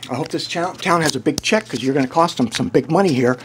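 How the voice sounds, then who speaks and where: A man in a small town hall office stands his ground as he films a clerk. His voice sits a little high, and he talks in a combative, insistent way, often getting loud. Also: quick pace, noisy background. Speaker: taxpayer filming a town office. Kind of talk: heated confrontation. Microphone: handheld camera recording.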